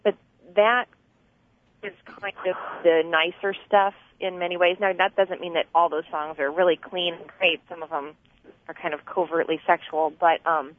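A woman with a lowish voice calls a radio show from her car, speaking at a normal pace in a steady tone. She explains things earnestly, full of fillers and restarts, over a tinny, dry, clipped phone line.

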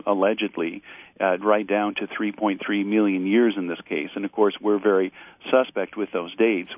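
A man's voice: on the low side, no echo. A man, a zoologist guest on a call-in show, heard over a clipped phone line, explaining at length with fillers and repeated words. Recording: tinny dry phone line.

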